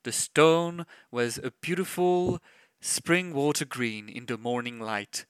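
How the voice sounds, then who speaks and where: A man reading a storybook tale aloud, slowly and expressively, adding little sound effects. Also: medium pitch, clean tone, no echo. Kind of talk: storybook read-aloud narration.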